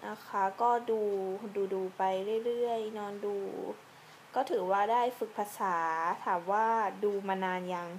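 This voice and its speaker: A woman's voice: medium pitch, steady tone, a little slow, a little hiss or hum. A young woman, a beauty vlogger, chatting casually and rambling, lying in bed at home at night and talking close to a phone camera. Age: young adult. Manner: chatty, rambling, self-correcting. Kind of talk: casual vlog chat.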